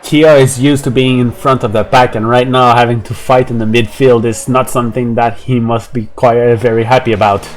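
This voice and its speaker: A man's voice: medium pitch, little pitch movement, a little fast, hardly any pauses, faint music behind. Man, motorsport commentator, mid-range voice, live race commentary, builds with the action. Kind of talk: live sim-racing commentary.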